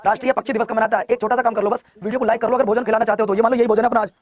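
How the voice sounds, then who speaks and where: A male online exam coach running a live class, firing questions at students, repeating each one and pushing them to answer quickly. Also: very high-pitched, flat delivery.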